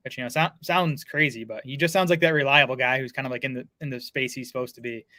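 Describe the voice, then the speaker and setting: Male co-host, casual podcast banter, rapid delivery full of fillers. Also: mid-range voice, fairly even intonation, bright, forceful tone, no echo. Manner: fast, lots of filler words and restarts. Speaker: fantasy football analyst.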